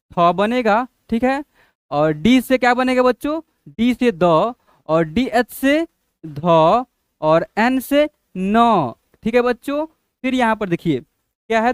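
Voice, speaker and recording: A man teaching letters as a teacher, in slow, drawn-out drills that keep asking what each letter makes. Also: very high voice, smooth, dry recording, clean studio sound. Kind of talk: classroom-style lesson.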